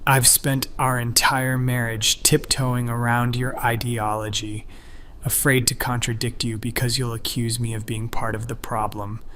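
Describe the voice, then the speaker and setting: A man's voice: mid-range voice, little pitch movement, a little slow, a bit bright, lightly acted. A man voicing a hurt, angry middle-aged husband who speaks in a raised, reproachful voice.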